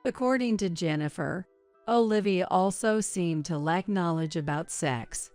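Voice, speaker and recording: A woman reading a first-person story as a measured, even scripted narration. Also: fairly low pitch, faint music behind.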